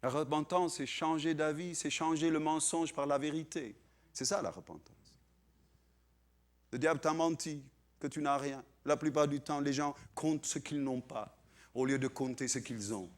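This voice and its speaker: A man preaching a sermon in as pastor, animated and dramatic, acting out quoted voices and swinging between loud bursts and hushed asides. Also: a little high, normal speed.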